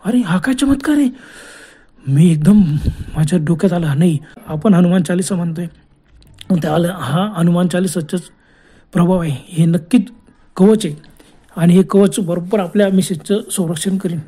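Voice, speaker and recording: Guy narrating his scary ghost story, warm mellow voice, earnest, keeps repeating words. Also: high voice, steady tone, moderate pace, slightly rough.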